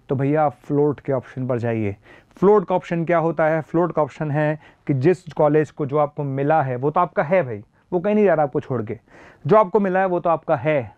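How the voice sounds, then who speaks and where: Speaking as a teacher, a man with a sore throat walks through an admissions process in an explanatory lesson, stressing key points again and again and mixing in phrases. His smooth voice sits on the high side. The audio is lo-fi with no room sound.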